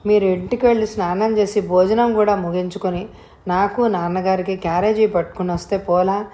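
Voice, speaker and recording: A woman's voice: medium pitch, steady tone, brisk, dark tone, natural voice. A woman voicing a practical, caring grandmother.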